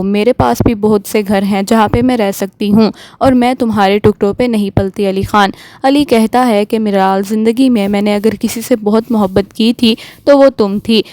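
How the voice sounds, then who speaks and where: A woman hosting a drama review channel, retelling an episode's plot in a steady, flowing storytelling manner. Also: a little high, dry recording.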